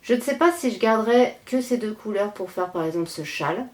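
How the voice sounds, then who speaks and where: A woman's voice: mid-range voice, lively intonation, brisk. A woman from France in her thirties chatting casually on her knitting podcast, rambling with many fillers and self-deprecating asides. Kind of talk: casual chat.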